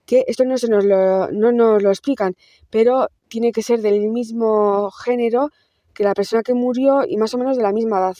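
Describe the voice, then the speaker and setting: A film reviewer with a warm, mid-range voice explains a movie's plot to her viewers, speaking straight to camera in a dry, clean studio recording. Her analysis is casual and conversational, with frequent restarts.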